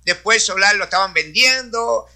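A man speaks to a congregation in a testimony-style sermon, sprinkling hallelujahs and praise between his sentences. His voice sits high for a man, with a sharp, very bright edge. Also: moderate pace. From Puerto Rico. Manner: peppers speech with hallelujahs and praise. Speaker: church speaker.

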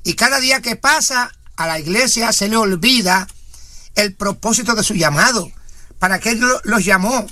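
Male radio preacher, fervent, high and bright tone. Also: moderate pace. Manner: fervent, frequent interjections of praise. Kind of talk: radio sermon and prayer.

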